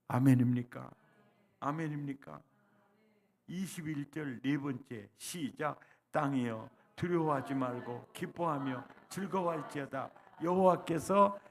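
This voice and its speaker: A male pastor preaching a revival sermon, leading the congregation in call-and-response and swinging from soft lines to loud cries. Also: a little high, measured pace, vocal fry. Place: church sanctuary.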